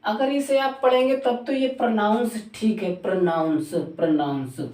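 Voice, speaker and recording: A woman's voice: high voice, steady tone, moderate pace, darkish tone. A woman teacher giving a pronunciation lesson, repeating each word again and again to drill it. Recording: echoey room, voice far from mic.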